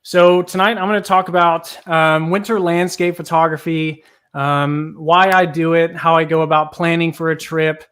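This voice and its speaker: A man's voice: fairly high pitch, little pitch movement, moderate pace, a bit bright, smooth. Laid-back man. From Kentucky, US. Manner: laid-back, many ums and likes. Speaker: guest photographer. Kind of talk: casual talk and presentation.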